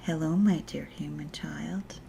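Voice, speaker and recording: A woman voicing a giant female phoenix in a children's storybook, gentle, wise and welcoming, speaking low, breathy and slow. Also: a little hiss or hum, exaggerated voice. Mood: kindly, explaining.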